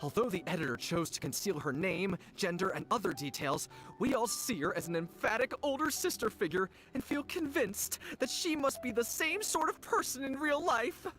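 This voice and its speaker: A woman's voice: mid-range voice, expressive, normal speed, fairly bright tone, soft background music, natural voice, low-quality recording. A woman voicing a zealous adult fan-club leader in a video game, who speaks in a preachy, rousing manner. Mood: coaxing.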